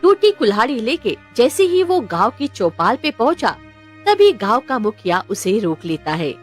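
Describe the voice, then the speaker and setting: A woman's voice: a little high, big pitch swings, moderate pace, husky, faint music behind. A woman narrating a cartoon moral story in a dramatic storytelling manner.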